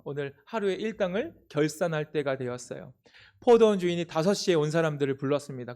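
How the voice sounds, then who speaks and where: Animated high-voiced man preaching. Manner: animated storytelling, questions to the congregation. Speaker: pastor. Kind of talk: sermon.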